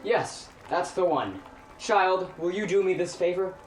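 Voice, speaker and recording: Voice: mid-range voice, lively intonation, unhurried, faint music behind, natural voice. An actor playing a melodramatic, miserly male cat Scrooge in a holiday radio play, pleading and exclaiming. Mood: overjoyed. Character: theatrical miserly male cat Scrooge, fearful then joyfully repentant. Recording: roomy, distant mic, faint noise.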